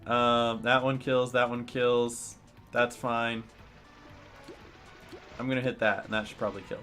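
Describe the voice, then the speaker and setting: A man's voice: mid-range voice, little pitch movement, a little slow, fairly bright tone. A man in his late twenties talks casually while streaming a game, answering chat. He goes off on sarcastic rants, then cracks jokes. Faint music plays underneath. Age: late 20s.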